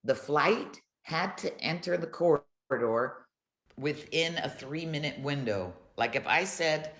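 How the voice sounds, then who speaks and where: Deep-voiced and animated, she takes her time, her tone fairly bright against an echoey room. This older woman, a retired air traffic controller, is a podcast guest telling stories in a relaxed, colloquial interview.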